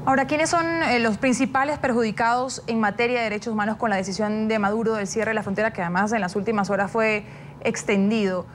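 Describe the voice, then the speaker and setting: A woman news interviewer, asking questions in a rushed way with fillers. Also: a little high, steady tone, a little hiss or hum.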